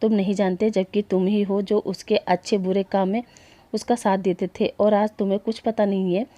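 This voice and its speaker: A woman's voice: mid-range voice, flat delivery, moderate pace, mellow, lightly acted. A woman voicing a possessive, bossy rich young man in a story she narrates. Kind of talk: storytelling voice acting.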